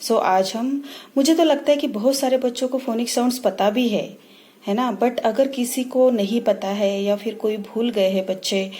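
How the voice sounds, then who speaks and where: A woman teacher giving a phonics lesson to parents, saying each letter sound slowly and repeating it. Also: fairly high pitch, mellow. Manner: slow, repeats sounds for practice.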